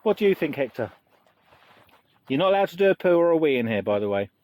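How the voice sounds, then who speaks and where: A man's voice: fairly high pitch, sing-song, fast, darkish tone. A British man chatting casually and jokily through a camping vlog, showing off a tent. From United Kingdom. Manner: jokey, chatty, laughs often. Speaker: vlogger giving a tent tour. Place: inside a large tent at a campsite.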